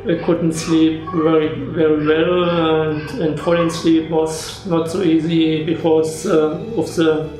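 A man in his fifties speaks slowly and flatly, hesitating as he recalls his symptoms. The small room echoes heavily around him. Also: on the high side, soft background music. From Germany. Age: 50s. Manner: hesitant, plain. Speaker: patient giving a testimonial. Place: small clinic room indoors.

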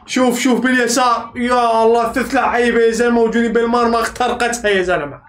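A man with a very high-pitched, rapid-fire voice delivers excitable live reaction commentary on a match, cheering the players, shouting, and repeating phrases. The recording has an echoey room sound.

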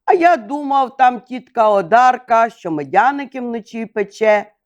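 A woman's voice: a little high, animated, slow pace, muffled recording, voice pushed up. A woman voicing a sly, joking male jester who teases in a drawl in a fairy tale. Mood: teasing. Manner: teasing, drawling.

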